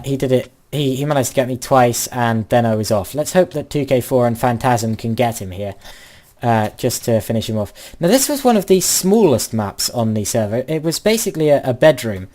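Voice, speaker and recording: A teenage boy hosts a gaming channel, commenting on his gameplay with lots of hesitation and polite, old-fashioned phrasing. His voice is mid-range with a darkish tone.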